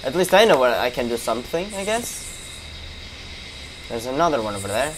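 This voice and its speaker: A man's voice: medium pitch, big pitch swings, brisk, background noise. A young man giving casual gameplay commentary, reacting and swearing as he talks to himself. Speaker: gamer streamer. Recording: game gunfire behind voice. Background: gunshots and game ambience.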